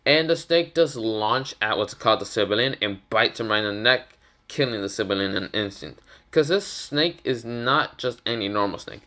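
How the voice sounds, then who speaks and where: A man's voice: medium pitch, bright, forceful tone. Man narrating fan fiction off the cuff, loose and rambling, plain mid voice. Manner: rambling, many fillers and restarts. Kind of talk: improvised casual story narration.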